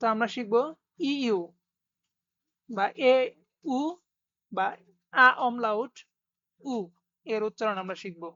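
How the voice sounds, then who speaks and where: A woman teaching a pronunciation lesson, saying each word slowly and repeating it for learners to copy. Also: fairly high pitch, fairly bright tone, dry recording. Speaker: German language teacher. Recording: dull lo-fi sound, dry.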